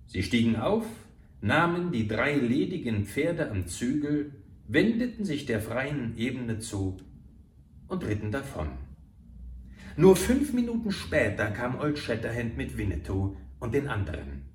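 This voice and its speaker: A man reading an adventure novel aloud in a slow, dramatic storytelling manner. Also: mid-range voice, sing-song. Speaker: narrator. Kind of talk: audiobook narration of an adventure novel. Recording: roomy, far from the mic.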